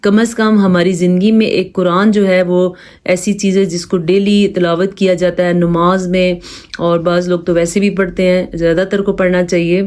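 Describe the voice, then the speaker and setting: A woman with a Pakistani Urdu accent teaching tajweed, explaining rules patiently and reciting verses slowly to demonstrate. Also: lowish voice, flat delivery, a little mellow. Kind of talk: step-by-step tajweed lesson with slow recitation examples.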